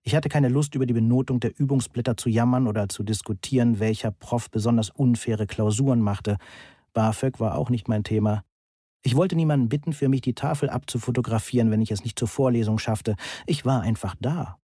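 Ein Mann liest ein Hörbuch in der Ich-Form, trocken und genau erzählt. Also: male voice, medium pitch, a little fast, dark tone, slightly rough, dry recording, clean studio sound. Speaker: audiobook narrator. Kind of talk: first-person audiobook narration.

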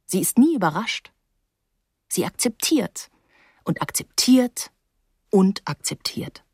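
Expressive woman reading an audiobook. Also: mid-range voice, dry recording, studio quality. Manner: expressive, reflective storytelling. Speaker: narrator.

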